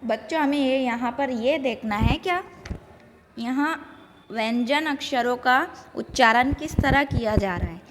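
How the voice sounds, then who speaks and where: A woman teacher slowly drilling syllables for young children, saying each sound twice in an online class. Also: high voice, long reverb tail, background noise.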